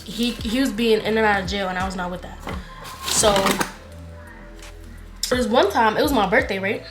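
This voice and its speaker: A woman's voice: medium pitch, moderate pace, reverberant, over music. A woman in her twenties, a vlogger telling a story in casual, slangy chat and acting out the dialogue. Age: 20s. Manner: animated, slangy, retelling with quoted dialogue.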